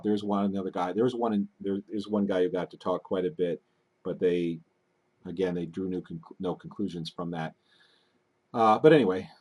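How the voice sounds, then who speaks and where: A man commenting on video clips in a deliberate, analytical way, with frequent fillers. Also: deep voice, a little mellow, slightly rough. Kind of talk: casual commentary.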